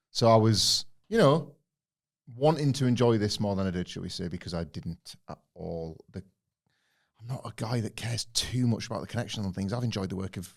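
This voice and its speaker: A man's voice: fairly low pitch, gravelly. A man co-hosting a podcast, giving a blunt, grumbling critique in casual chat. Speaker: podcast co-host.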